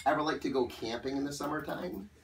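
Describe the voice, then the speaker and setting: A woman's voice: low voice, fast, heavy background noise. A woman performing as a children's party magician, with playful, jokey patter and questions for the audience. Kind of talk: kids' magic show patter. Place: live children's birthday party, mic at a distance. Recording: distant microphone in a live room.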